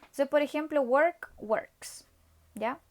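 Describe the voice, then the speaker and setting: A woman teaches an English grammar lesson in a somewhat high voice. She explains slowly and patiently, repeating the examples and pausing to ask whether her students are following. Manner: patient, repetitive, checks understanding with "¿ya?". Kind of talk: recorded online class explanation.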